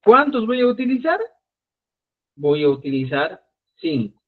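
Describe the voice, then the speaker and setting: Over tinny, phone-like live stream audio, a man teaches a Quechua lesson step by step, checking in with his students. His voice sits high and has a sing-song, unhurried quality with some vocal fry.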